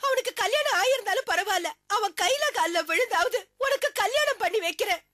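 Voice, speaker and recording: A woman's voice: very high-pitched, lively intonation, a little fast, no room sound, clean studio sound, full character voice. A wailing, distraught middle-aged mother. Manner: wailing, pleading, crying out to God. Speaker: mother of a grown son. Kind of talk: TV serial melodrama acting. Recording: loud background music score.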